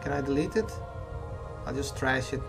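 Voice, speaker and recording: Here a man's creaky, medium-pitched voice moves at a moderate pace as he plays a video game for his YouTube let's play. He talks casually, rambling and hesitant, self-deprecating, and often pausing to fix what he said. The desktop mic captures him over game audio with music playing behind.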